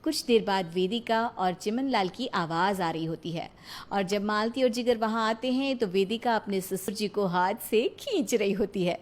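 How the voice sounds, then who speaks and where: A woman's voice: medium pitch, normal speed. A woman narrating a cartoon story in a plain storytelling manner.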